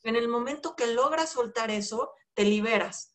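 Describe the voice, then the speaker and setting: A woman's voice: a little high, normal speed. A middle-aged woman with a Mexican accent, hosting an interview and reflecting aloud, with many "este" and "pues" fillers. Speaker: host. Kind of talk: casual interview talk.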